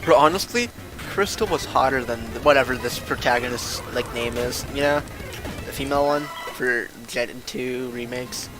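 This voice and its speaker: This is casual livestream chatter from a young man who lisps, wandering off on slangy, self-deprecating tangents as he plays. He speaks at a moderate pace in a medium-pitched voice. Video game music runs underneath, and the recording is rough.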